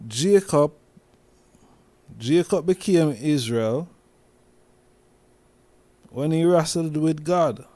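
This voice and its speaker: Slow-talking Jamaican man. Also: a little high, animated, mellow, dry recording. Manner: slow, repetitive, with many restarts and "you see me?". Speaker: host. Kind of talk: casual commentary monologue.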